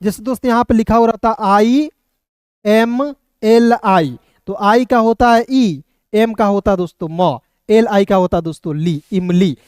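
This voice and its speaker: A man teaching an English phonics class, spelling out letters slowly and calling his viewers "friends" over and over. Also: high-pitched, a little mellow, smooth, dry recording, studio quality. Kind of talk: classroom lesson.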